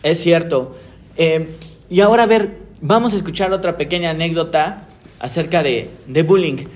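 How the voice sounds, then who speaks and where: A man hosting a casual panel talk, speaking in a relaxed, conversational way with casual slang. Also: fairly high pitch, moderate pace. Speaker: host.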